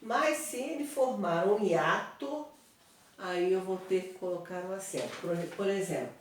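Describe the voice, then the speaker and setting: A Brazilian woman teaches grammar at a small whiteboard, speaking slowly and walking through each example step by step. Her voice comes from some distance from the microphone. The room is strongly echoey, with faint noise underneath. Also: medium pitch, expressive. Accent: Brazilian Portuguese. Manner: slow, explanatory, repeats examples and checks with "tá?". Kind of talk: online grammar lesson at a whiteboard.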